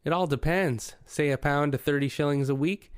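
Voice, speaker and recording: A man's voice: fairly high pitch, moderate pace, smooth, no room sound, studio quality, lightly acted. A man reading the part of a friendly, cultivated young male artist in an audiobook. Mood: amiable. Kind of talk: audiobook character voice.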